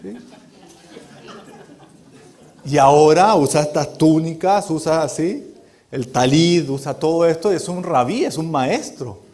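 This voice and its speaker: Male preacher with a high voice, dramatic and emphatic, engages the congregation directly. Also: normal speed, a little mellow. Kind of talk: sermon.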